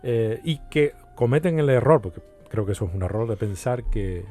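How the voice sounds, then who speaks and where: A man hosting a radio interview, speaking in a measured way with frequent hesitations and short backchannels. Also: medium pitch, animated, darkish tone. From Canary Islands. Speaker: radio host. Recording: radio studio with faint music behind.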